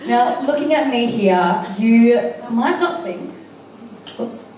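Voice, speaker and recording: At a live venue with an audience, a woman speaking coach from Australia, Vietnamese as her first language, delivers a humorous stage talk of punchy jokes and deliberate pauses. Her voice is on the high side with lively intonation. The echoey room, distant mic, and background noise shape the recording.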